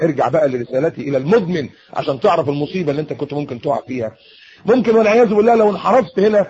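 Earnest Egyptian preacher warning teens. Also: male voice, a little high, a little mellow, breathy edge, highs cut off. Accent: Egyptian Arabic. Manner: earnest, admonishing, repeats warnings. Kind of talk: religious talk to teenagers.

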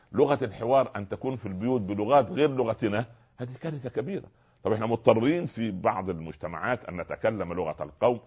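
A man hosting a religious call-in show, preaching earnestly and joking gently with callers. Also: low voice, slightly rough. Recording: dull lo-fi broadcast sound.

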